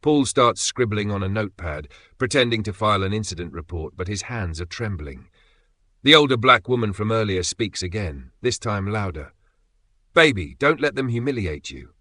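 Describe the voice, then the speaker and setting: A man narrating a dramatic story in a steady, measured way with pauses for effect. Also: on the low side, no echo.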